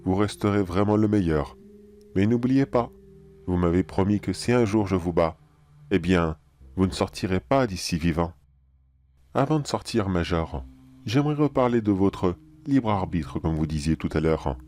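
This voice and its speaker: A man playing a calm, philosophical cannibal anomaly in a horror audio drama, measured and politely menacing. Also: deep voice.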